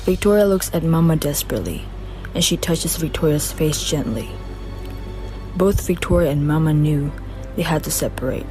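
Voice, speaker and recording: A woman carefully reads the narration of a student radio drama, with some slips along the way. Her deep voice is animated at a moderate pace, and music plays in the background.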